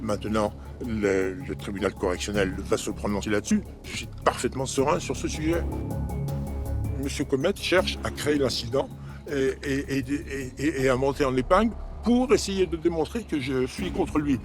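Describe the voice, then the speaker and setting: An older man, a former mayor, answering calmly in an interview with some hesitation. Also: mid-range voice, moderate pace, music in the background. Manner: calm, hesitant with fillers.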